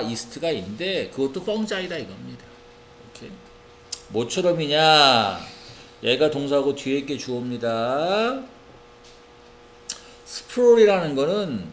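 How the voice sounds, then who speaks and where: Lively Korean man teaching English. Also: on the high side, a little hiss or hum. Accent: Korean-accented English words. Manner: lively, keeps checking in with tag questions. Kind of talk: classroom reading lesson. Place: academy classroom.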